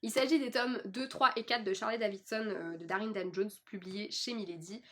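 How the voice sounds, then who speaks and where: A woman's voice: mid-range voice, fairly even intonation, normal speed, pushed and bright. Chatty young French woman, book vlogger. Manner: chatty, lots of fillers and restarts. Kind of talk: casual chat.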